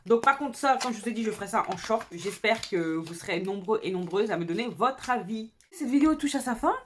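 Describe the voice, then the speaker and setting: A woman's voice: medium pitch, a little fast, a little hiss or hum. A woman beauty vlogger talking casually and enthusiastically to her viewers while she does her makeup. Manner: chatty, enthusiastic, addresses viewers directly. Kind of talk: casual makeup tutorial chat.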